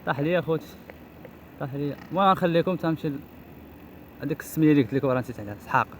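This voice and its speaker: A man with a Moroccan accent chatting casually to viewers in a loose, repetitive way, recorded outdoors with wind on the mic. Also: a little high. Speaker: cycling travel vlogger. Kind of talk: casual vlog chat to viewers. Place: outdoors on a coastal bike trip. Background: loud wind-like rushing noise.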